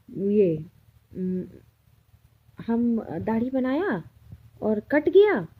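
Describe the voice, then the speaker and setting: A woman vlogger speaks earnestly and insistently, telling her own story directly to her viewers. Her voice sits a bit high. The sound is thin and tinny, like a phone line. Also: slight background noise. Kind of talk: personal account to viewers.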